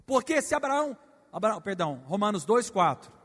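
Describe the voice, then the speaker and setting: A man preaching a sermon to a congregation, calling on them to repeat phrases and swinging from quiet asides to shouted exclamations. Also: high-pitched, sing-song, brisk. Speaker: pastor. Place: church hall with congregation. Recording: long hall reverb.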